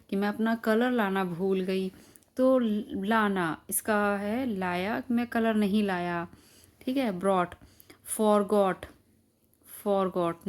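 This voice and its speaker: एक महिला शिक्षिका, जो बच्चों को धैर्य से शब्दों के अर्थ समझाती है और हर शब्द को धीरे-धीरे दोहराती है।. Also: female voice, medium pitch, darkish tone. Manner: repeats each word slowly, patient classroom explaining. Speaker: teacher. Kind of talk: explaining word meanings to children.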